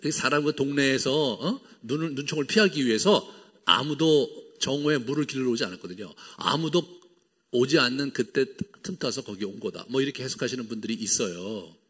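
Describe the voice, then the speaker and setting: A man's voice: medium pitch, lively intonation, brisk, husky, in a large hall. A male pastor preaching a sermon. He talks animatedly, acts out the dialogue in playful voices and uses lots of fillers. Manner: lots of fillers, wide swings in loudness. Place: church sanctuary.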